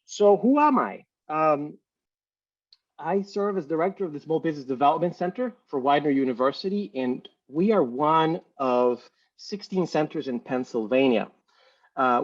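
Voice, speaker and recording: A man from Ecuador who directs a small business center gives a relaxed, conversational webinar lecture with many fillers. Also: medium pitch, no echo. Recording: distant, dull lo-fi webinar audio.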